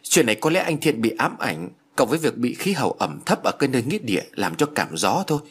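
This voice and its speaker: A man voicing a headstrong, insistent young woman in an audiobook story, with a husky voice. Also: mid-range voice, very animated, fast talker, fairly bright tone. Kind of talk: audiobook character voice.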